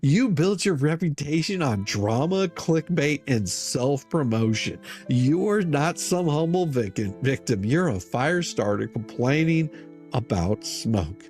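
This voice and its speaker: Slowly and with lively intonation, an online commentator performs a scornful, theatrical reading of an open letter, swearing freely. His voice is on the high side with a darkish tone, and music sits beneath it.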